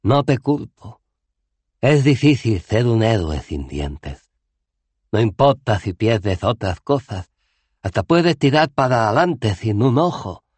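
A man voicing a gruff, weary old barbarian hero who has no teeth, in an audiobook. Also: fairly low pitch, very animated, takes it slowly, a little mellow, dry recording, voice pushed up, heavily acted. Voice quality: toothless, mumbling. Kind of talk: audiobook character voice.

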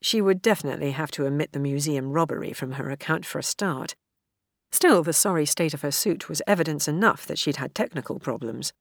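A woman reading a novel aloud in a measured, even storytelling manner. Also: deep voice, no echo, clean studio sound. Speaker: audiobook narrator. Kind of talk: scripted narration.

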